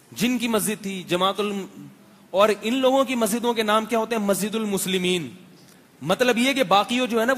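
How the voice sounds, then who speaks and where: A man's voice: high voice, fairly bright tone. A middle-aged man from Pakistan, an Islamic scholar giving a religious lecture to a seated audience, talking conversationally with rhetorical questions and wry humor. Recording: long hall reverb.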